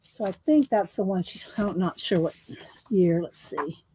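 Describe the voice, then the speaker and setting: A woman's voice: lowish voice, expressive, a little slow, mellow, a little hiss or hum. A woman chatting casually with viewers during a coloring live stream, rambling and restarting her sentences. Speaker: livestream host coloring.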